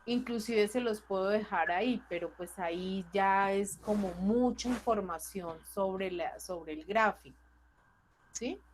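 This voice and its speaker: A woman's voice: mid-range voice, unhurried, slight background noise, rough recording. A woman teacher, walking a class through charts in a patient, question-checking way over a computer mic. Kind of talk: online class explaining spreadsheet charts.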